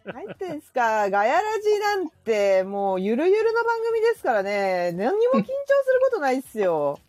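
A woman's voice: a little high, very animated, normal speed, darkish tone. A woman co-hosting a podcast in casual chat, bubbly and playfully ribbing the others. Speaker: podcast co-host.

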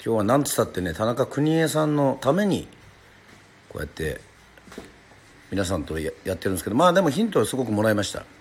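A man's voice: mid-range voice, sing-song, fast, long pauses, husky. A middle-aged man from Yoron Island hosting a casual live radio stream, chatting, joking at himself and answering listener comments. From Yoron Island, Japan. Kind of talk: casual livestream chat.

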